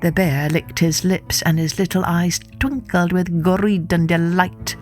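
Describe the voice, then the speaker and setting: A woman narrating a folktale for children in an expressive, measured way. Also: fairly low pitch, soft background music. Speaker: storyteller.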